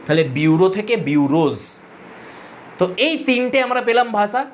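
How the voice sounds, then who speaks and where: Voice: mid-range voice, expressive, moderate pace, slight background noise. A teacher giving an exam-prep grammar lesson, repeating rules drill-style, spelling words out letter by letter and correcting pronunciation. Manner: addresses students directly and corrects pronunciation.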